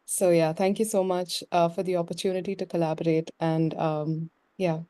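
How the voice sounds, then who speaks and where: A young woman PhD student introduces her work over a video call. Her voice sits low and mellow, and she pauses often with uhs and ums. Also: flat delivery, smooth. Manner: hesitant, many uh and um fillers. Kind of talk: self-introduction.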